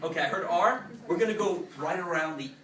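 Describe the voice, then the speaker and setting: A man's voice: high-pitched, a little fast, sharp tone. A man hosting a live improv comedy show, energetically calling out to the audience, recorded far off in an echoey room. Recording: echoey live stream from afar, crowd and noise.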